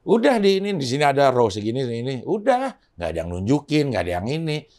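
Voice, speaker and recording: A man at an ordinary middle pitch tells a story in an easy, slangy podcast chat. He is animated and keeps the talk loose and relaxed. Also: fast. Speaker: podcast host. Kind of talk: casual chat.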